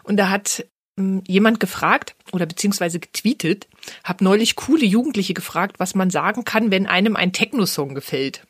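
A woman co-hosts a podcast in a relaxed, agreeable tone. Her husky voice sits at a middle pitch and is recorded dry and close. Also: moderate pace, no echo. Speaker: podcast co-host. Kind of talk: casual podcast chat.

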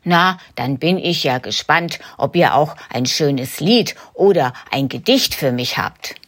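A woman doing a slow, kindly old St. Nicholas. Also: deep voice, animated, a bit bright, pitched below the performer's own voice, exaggerated voice. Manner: slow and measured. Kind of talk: storybook reading.

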